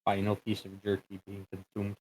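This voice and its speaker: A man's voice: fairly low pitch, completely flat delivery, normal speed, darkish tone, slightly rough, rough recording. A man chatting casually as a tabletop game player over a voice call. He thinks aloud and often stops to correct himself mid-sentence.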